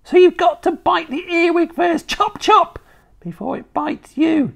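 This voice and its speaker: A storybook reader voicing a sinister, witch-like old grandmother who taunts and threatens in a drawn-out way, slipping into a throaty whisper. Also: creaky, fairly bright tone, heavily acted. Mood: shrill, taunting. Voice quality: shrill and cackling, dropping to a throaty whisper. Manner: slow, drawn-out menacing delivery. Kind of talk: storybook reading.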